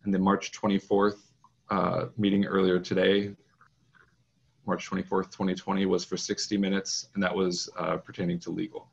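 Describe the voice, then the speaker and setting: A man serving as school board president, chairing a formal meeting over a video call in a procedural, measured way with frequent fillers. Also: deep voice, monotone, gravelly, slightly rough. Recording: muffled video call audio.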